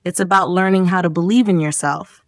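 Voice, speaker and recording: A woman giving scripted, encouraging narration for an English speaking lesson, measured and earnest. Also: fairly low pitch, steady tone, no room sound, clean studio sound. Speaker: English teacher.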